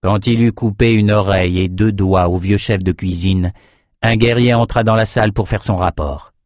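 Brief: male audiobook narrator, lowish voice, dry close sound, steady dramatic delivery. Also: moderate pace, no echo. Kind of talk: scripted narration.

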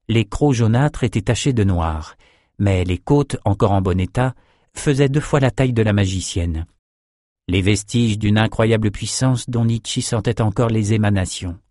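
A man narrating a fantasy audiobook in an even, measured reading. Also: on the low side, no echo, clean studio sound.

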